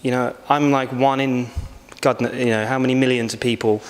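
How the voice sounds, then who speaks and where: A man's voice: mid-range voice, flat delivery. Guy in his 20s, thoughtful, lots of ums, sounds like a big echoey hall. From England. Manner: reflective, unhurried, hesitant with many fillers. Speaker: backpacker interviewee. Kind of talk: casual interview answers. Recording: long hall reverb.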